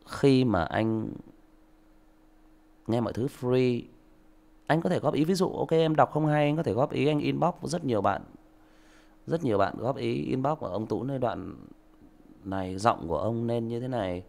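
Male livestream host, gravelly, indignant and lecturing. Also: mid-range voice, moderate pace, long pauses, darkish tone. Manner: lecturing, indignant, rhetorical questions. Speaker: audiobook narrator and livestream host. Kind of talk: livestream talk to listeners.

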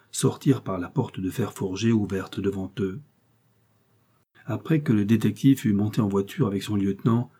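A man narrating a novel in a measured, dramatic manner. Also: lowish voice, mellow, husky. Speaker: audiobook narrator.

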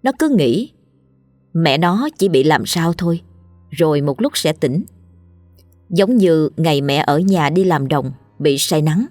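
A woman storyteller narrating a scripted ghost story in a steady, grave way. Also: low voice, unhurried, no room sound, soft background music.

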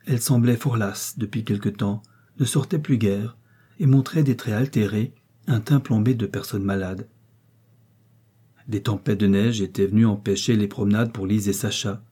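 Husky man narrating a novel. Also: fairly low pitch, steady tone, moderate pace, warm tone. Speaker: audiobook narrator.

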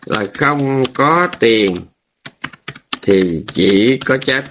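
A man, a Buddhist monk giving a dharma talk with drawn-out phrases, many hesitant fillers and rhetorical questions to his listeners. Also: mid-range voice, lively intonation, a bit bright, dull audio, slight background noise. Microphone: online room.

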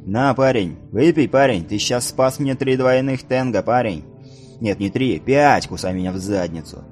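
A man voicing a squat, boisterous old ship's captain with a hoarse bass voice, shouting coarse curses. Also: moderate pace, faint music behind, natural voice.

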